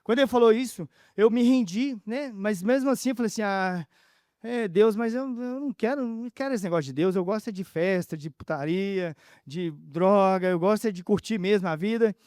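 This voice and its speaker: Man, high voice, dry close sound, emotional testimony full of quoted dialogue. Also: darkish tone, smooth, no room sound. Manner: storytelling with many reported dialogues; emotional, halting. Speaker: conference speaker. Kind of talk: personal testimony talk.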